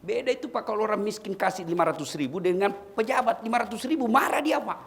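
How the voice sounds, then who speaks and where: Speaking fast in a high-pitched voice with lively intonation, this middle-aged man delivers a funny, story-filled sermon in Makassar-accented Indonesian. He addresses the audience directly as "Pak," and the background is noisy.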